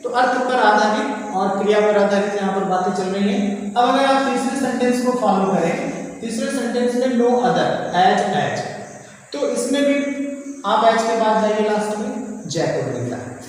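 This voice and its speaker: A man's voice: high-pitched, animated, unhurried, slight background noise. A male English grammar teacher from India, explaining a lesson step by step and often reminding students to pay attention. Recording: echoey hall, mic far off, faint ambience.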